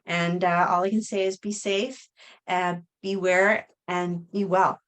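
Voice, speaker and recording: A middle-aged woman talking to camera in a casual vlog, halting, with many fillers and restarts. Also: on the low side, fairly even intonation, a bit bright. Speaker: vlogger.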